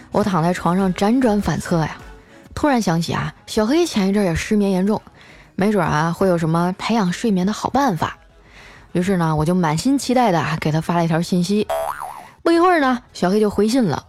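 A woman hosting a show, telling comic stories about her life in a chatty way, with lots of drawn-out filler particles. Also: medium pitch, animated, darkish tone, soft background music. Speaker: host. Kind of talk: scripted comic storytelling.

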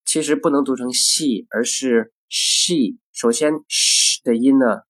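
A man's voice: medium pitch, steady tone, normal speed, no echo. A man teaching English pronunciation, speaking carefully and saying each word twice as a model. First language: Chinese. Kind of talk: recorded phonetics lesson.

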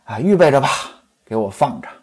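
A male storyteller voicing a dying, gentle young wife as she hands out her belongings to her servants. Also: medium pitch, big pitch swings, a little fast, husky. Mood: tender, resigned.

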